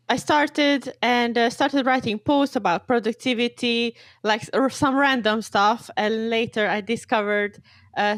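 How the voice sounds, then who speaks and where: On a podcast, a Serbian woman in her twenties chats eagerly in a casual interview, laughing easily. Her voice sits on the high side, and there's no room sound.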